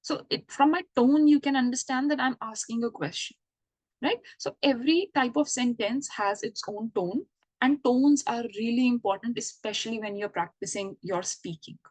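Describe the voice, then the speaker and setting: A woman's voice: on the high side, normal speed, a little mellow, no echo. A woman giving an online English grammar lesson, explaining patiently and checking in with the listener. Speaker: English teacher.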